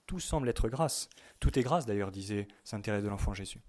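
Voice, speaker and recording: A man giving a religious teaching to young people, speaking in a measured way and stressing key words, sometimes reading quotations aloud. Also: on the low side, expressive, darkish tone. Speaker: teacher at a youth retreat.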